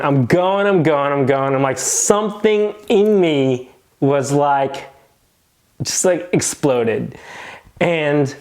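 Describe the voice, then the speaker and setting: A man tells a story casually, filling his sentences with "like". His voice sits at an ordinary pitch. He tells it in an animated way, as a nurse recounting something that happened to him. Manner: animated retelling, heavy use of "like".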